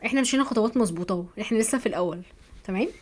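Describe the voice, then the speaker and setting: An Egyptian woman teaching a software course over a screen recording, chatty, often checking in with her viewers. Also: on the high side, rapid-fire. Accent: Egyptian Arabic. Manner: chatty, keeps asking "تمام؟", thinks aloud while clicking.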